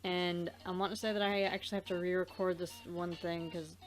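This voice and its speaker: Brisk and level-toned, with a fairly low pitch, this woman hosts a let's play and does amateur voice dubbing on the side. She rambles casually over faint background music, regularly losing the thread of what she's saying.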